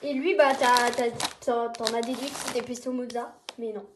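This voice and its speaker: A woman with a very high voice presents a homemade taste test in casual, conversational speech. There is faint background noise with crinkling bags. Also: steady tone, moderate pace.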